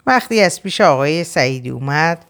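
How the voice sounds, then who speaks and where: Low-voiced woman reading a novel. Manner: expressive first-person storytelling. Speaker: narrator.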